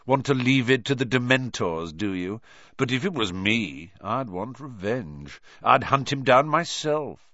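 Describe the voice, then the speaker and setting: A man's voice: mid-range voice, expressive, measured pace, fairly bright tone, no room sound, lo-fi sound, pitched above the performer's own voice. A man voicing a sneering, spoiled teenage schoolboy in a storybook reading. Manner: sneering, mocking.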